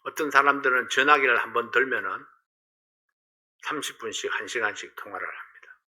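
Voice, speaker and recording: A male pastor preaching a sermon, asking the congregation rhetorical questions and swinging between loud emphasis and quiet asides. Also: medium pitch, brisk.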